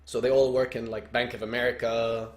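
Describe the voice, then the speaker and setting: A man's voice: mid-range voice, little pitch movement, a little fast, reverberant. A young man from Lebanon who co-hosts a soccer coaching podcast, chatting casually with dry jokes.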